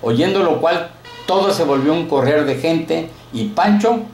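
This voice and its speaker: A man reading a short story aloud in a steady, colloquial narrating manner, recorded in an echoey room. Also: a little high, measured pace, faint music behind.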